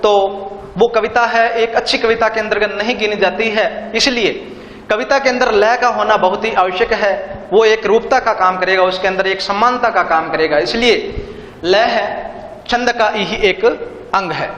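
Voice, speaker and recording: High-voiced man lecturing in an echoey room. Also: fairly even intonation, fairly bright tone. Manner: explains slowly, repeats terms with synonyms. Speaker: teacher. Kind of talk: online Hindi literature lecture. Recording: echoey room, dull lo-fi sound.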